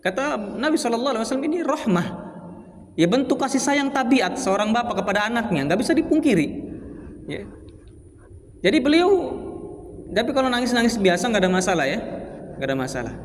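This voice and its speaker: A man's voice: very high voice, sing-song, quick pace, long pauses, a little hiss or hum. A man teaching an Islamic study circle in a mosque, explaining Arabic texts in casual speech and often asking his listeners rhetorical questions. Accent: Indonesian, Palembang. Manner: asks the audience rhetorical questions and answers them; explains Arabic text phrase by phrase in casual Indonesian. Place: large mosque hall. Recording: long reverb of a mosque hall.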